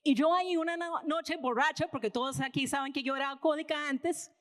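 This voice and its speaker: A woman's voice: high-pitched, fairly quick, a bit bright. A woman with an American accent preaching a conversational sermon in a church hall, telling stories casually and checking in with her listeners. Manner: casual storytelling, tags lines with "¿verdad?". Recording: reverberant hall.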